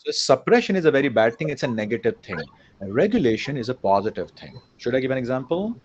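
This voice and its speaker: A man's voice: medium pitch, very animated, quick pace, slight background noise. A man with an Indian accent teaching a class in a conversational way, often asking questions and mixing in Hindi. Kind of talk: interactive lecture. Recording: dull lo-fi recording.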